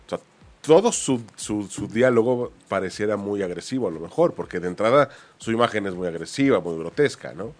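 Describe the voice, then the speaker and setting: A man's voice: lowish voice, expressive, fairly quick. A man co-hosting a casual chat, thoughtful with some hesitant restarts. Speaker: co-host.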